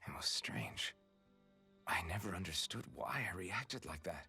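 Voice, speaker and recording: An actor playing an earnest, kind young soldier hero in a game, speaking gently and reflectively. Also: male voice, deep voice, lively intonation, a little slow, creaky, soft background music, exaggerated voice. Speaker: game character, young male swordsman. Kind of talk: game voice acting.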